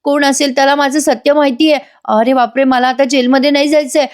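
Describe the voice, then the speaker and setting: A frightened young woman in a high, strained voice, stammering and pleading over and over, as a female narrator acts her out. She sounds close to tears and cannot calm down. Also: a little fast, natural voice. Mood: panicked crying. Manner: stammering, pleading, repeating herself.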